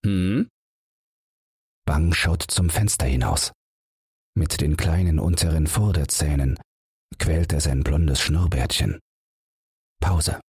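A man reading a bedtime audiobook in a calm, unhurried manner with a husky voice, close to the mic. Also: very deep voice, dry recording. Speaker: audiobook narrator.

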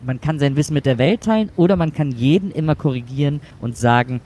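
A man's voice: fairly high pitch, fast talker, warm tone, slight background noise, close to an everyday voice. A man playing a mother who is fed up with her know-it-all son and talks bluntly, in a rambling way. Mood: exasperated.

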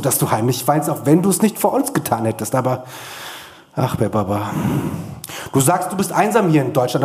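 A male author reading from his own book at a literary event in an earnest, measured way with many pauses, then answering questions. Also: a little high, a little mellow. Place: literary event before an audience.

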